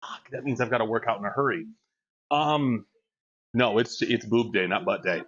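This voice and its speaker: A man's voice: mid-range voice, moderate pace, fairly bright tone, breathy edge. A man in his forties chatting casually on a live stream, joking and reading chat aloud. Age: 40s. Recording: dull lo-fi mic.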